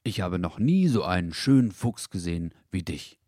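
A man voicing a big, kind male dog in a storybook, speaking gently and reassuringly. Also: low voice, big pitch swings, normal speed, dry recording, studio quality. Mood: gentle.

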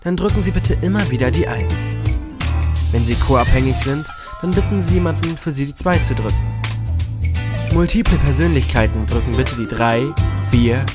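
A polite, formal announcer reads a scripted joke answering machine message for a hotline. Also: medium pitch. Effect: recorded answering machine greeting. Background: music.

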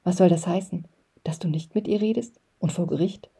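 A woman's voice: fairly low pitch, a little fast, vocal fry, mellow, husky, full character voice. A woman reading aloud, voicing an indignant middle-aged housewife who pleads sharply and in agitation with her husband. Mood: agitated.

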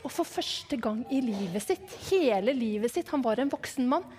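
A woman telling a Bible story to children as if she had seen it, lively and dramatic, dropping to hushed whispers for suspense. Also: on the high side. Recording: long hall reverb.

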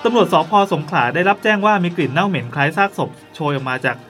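A man's voice: sits high, lively intonation, fairly bright tone, faint music behind. A man co-hosting a casual podcast, reading odd news stories aloud with playful, dramatic emphasis. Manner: quick, playful, reads headlines with exaggerated drama. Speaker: podcast co-host.

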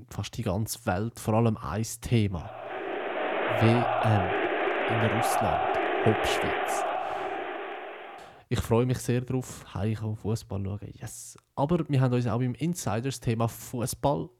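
A man's voice: mid-range voice, normal speed, a loud crowd, very noisy. A young man with a Swiss German accent hosting a podcast in a casual, conversational, reflective monologue. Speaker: podcast host, broadcaster intern.

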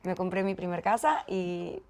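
A woman with a Mexican accent, a guest in an interview, telling a story with lively acted-out dialogue. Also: fairly low pitch, normal speed. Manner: animated, acts out quoted dialogue.

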